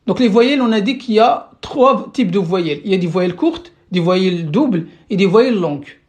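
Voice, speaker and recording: This animated, medium-pitched voice moves fairly quickly and has a slightly mellow quality. It belongs to a language teacher streaming a live lesson, who explains things patiently one step at a time, checks in with the audience, and often starts over and repeats words. The audio is roomy, captured from some distance.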